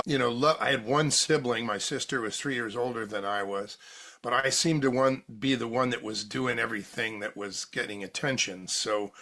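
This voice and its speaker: A man's voice: mid-range voice, pushed and bright. An older American man, a podcast guest, telling rambling stories from his youth in a chatty way, laughing at his own jokes. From United States. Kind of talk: casual storytelling interview.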